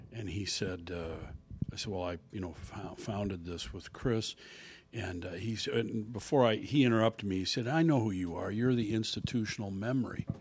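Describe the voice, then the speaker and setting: An older man, a golf business founder, telling a story in casual podcast chat, halting and full of fillers. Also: low-pitched, a little mellow.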